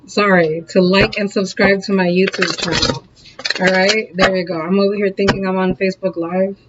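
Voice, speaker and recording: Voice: mid-range voice, fairly even intonation, moderate pace, highs cut off, heavy background noise. A tarot reader giving a casual, encouraging reading to camera, laughing often and checking in with the audience as they go. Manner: chatty, keeps checking in with "okay?" and "all right?".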